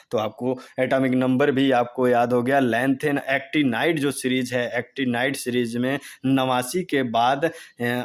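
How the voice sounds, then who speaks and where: A man teaching a chemistry lesson, repeating memory tricks slowly in a sing-song way and jumping up in pitch on key words. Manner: slow, repetitive, sing-song drilling of mnemonics.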